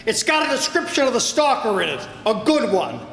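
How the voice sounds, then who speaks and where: High-pitched bossy police inspector played by a man. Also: very animated, brisk, gravelly, a bit bright, exaggerated voice. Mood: brisk, commanding. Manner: barking orders. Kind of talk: old-time radio crime drama acting. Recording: echoey hall.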